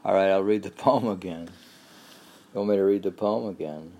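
A man reading a poem aloud at home, pausing to comment on the lines as he goes. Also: low voice, darkish tone. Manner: reads verse slowly, breaks off to comment. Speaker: poetry reader.

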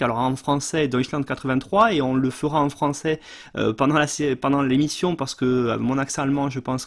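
A man hosting a history podcast, introducing his guest and asking questions, often hesitating with fillers. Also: on the high side. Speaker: podcast host. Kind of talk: scripted intro then interview questions.

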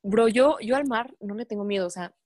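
A young woman with a Mexican Spanish accent, chatting casually with friends and telling stories in a slangy, animated way. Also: on the high side, a little fast, no room sound. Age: young adult. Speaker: student. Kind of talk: casual chat among friends.

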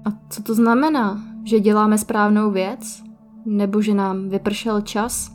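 A woman voicing a gentle, playful young female ghost who talks softly and hesitantly. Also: medium pitch, fairly even intonation, lightly acted. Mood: worried. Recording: faint music behind.

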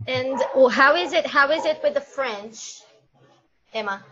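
A woman hosting a casual podcast chat, playful and quick to laugh. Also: sits high, lo-fi sound, background noise. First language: Portuguese. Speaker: podcast host.

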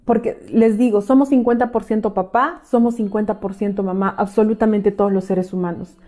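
Intense woman coach with mellow voice. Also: medium pitch, fairly even intonation, a little fast. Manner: intense, questioning, repeats urging phrases. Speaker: live-stream emotional coach. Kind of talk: live-streamed talk reading viewer comments.

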